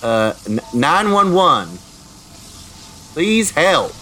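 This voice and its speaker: A man playing a tabletop role-playing game, halting and stammering as he improvises and narrates. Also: a little high, big pitch swings, bright, forceful tone, poor audio. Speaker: tabletop role-play player.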